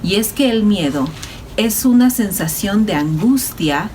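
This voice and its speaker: A woman's voice: mid-range voice, unhurried, a little hiss or hum. A woman teaching a Sunday school lesson, speaking animatedly to children. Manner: warm, animated, addresses children.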